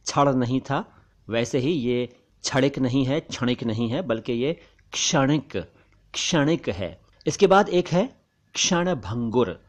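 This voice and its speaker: A man teaching pronunciation, enunciating each word carefully and slowly and repeating it to contrast wrong and right sounds. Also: mid-range voice. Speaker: language teacher. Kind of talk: pronunciation lesson narration.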